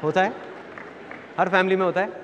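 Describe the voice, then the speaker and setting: A man's voice: high voice, steady tone, brisk, a bit bright, some chatter behind, a little hiss or hum. Man telling a story in a reverberant hall. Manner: acts out family voices. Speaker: motivational speaker. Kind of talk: storytelling talk to an audience.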